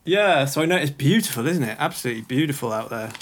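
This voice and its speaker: A man's voice: medium pitch, expressive, fast talker. Enthusiastic male podcast host. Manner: enthusiastic, friendly questioning. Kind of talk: casual interview chat.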